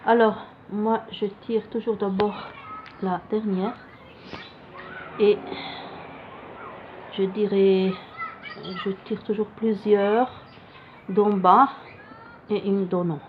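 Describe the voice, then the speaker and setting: Slow, halting woman with foreign-accented French. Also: mid-range voice, fairly even intonation. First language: not French. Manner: halting, searching for words, non-native phrasing. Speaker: card reader presenting a card deck. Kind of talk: casual improvised explanation to viewers. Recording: dull lo-fi sound with faint noise.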